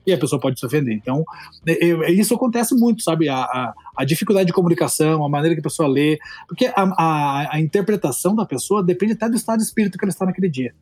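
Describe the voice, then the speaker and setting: A fast-talking Brazilian-accented man with an expressive, somewhat high and slightly mellow voice is heard on a dry recording. As a Portuguese teacher on a casual podcast, he chats and explains language points with playful examples. He's explanatory and playful and uses lots of fillers.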